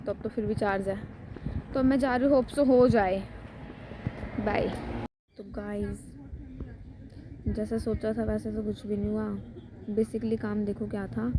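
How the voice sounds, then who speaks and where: A woman's voice: medium pitch, background noise. A young woman in her twenties vlogging in a rambling, conversational way. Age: 20s. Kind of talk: casual chatty vlog.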